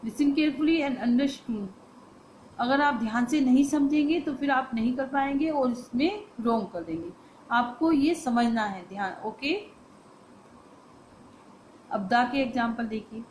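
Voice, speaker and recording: A woman teacher explains a grammar lesson to students. She poses questions and answers them herself, and says the phrases slowly and with stress. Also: sits high, animated, darkish tone, slight background noise, low-quality recording.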